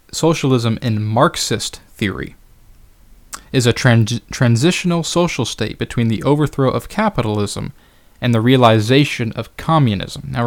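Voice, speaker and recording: A man talking through his own solo podcast, loose and conversational. He pauses often on fillers and drops dry, sarcastic remarks. His pitch sits at a middling level for a man. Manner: conversational, many fillers, wry sarcastic asides. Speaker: podcast host. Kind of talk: casual solo podcast monologue.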